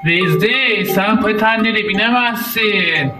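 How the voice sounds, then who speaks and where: A man's voice: high voice, unhurried. A man voicing a whiny toy neighbor man who complains in a plaintive, childlike way about losing his skates. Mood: pleading. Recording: echoey room, voice from far off. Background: music.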